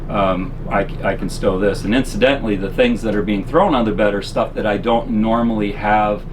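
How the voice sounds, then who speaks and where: Low-voiced man demonstrating gear, noisy background. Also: fairly even intonation, fairly quick. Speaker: presenter of RV living gear tips. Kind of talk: casual product demonstration. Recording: constant air-conditioner-like background noise.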